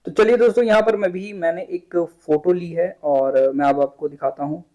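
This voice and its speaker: Young man tutoring, chatty and mellow. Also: high voice, fairly even intonation, moderate pace, low-quality recording. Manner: chatty, repeats words, mixes English terms into Hindi. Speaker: UPSC exam prep tutor. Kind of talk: casual screen-share tutorial.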